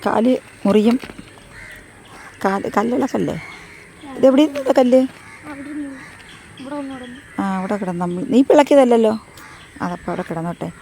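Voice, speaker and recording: A woman walking a rural path on a casual vlog, hoarse from losing her voice, chatty and rambling as she repeats herself. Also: mid-range voice, dark tone, a little hiss or hum. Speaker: vlogger. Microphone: phone front camera at arm's length.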